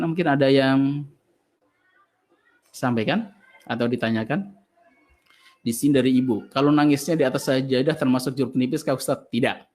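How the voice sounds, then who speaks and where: A man, an ustaz giving a religious lecture to an online study group and answering listeners' questions in an animated storytelling way. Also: medium pitch, a little hiss or hum.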